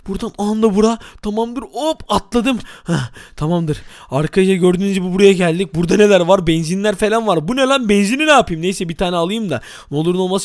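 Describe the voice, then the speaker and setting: Fast, high-voiced excited young gamer man. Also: no echo, clean studio sound. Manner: excitable, addresses viewers, frequent exclamations. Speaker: gaming YouTuber. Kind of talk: excited game commentary.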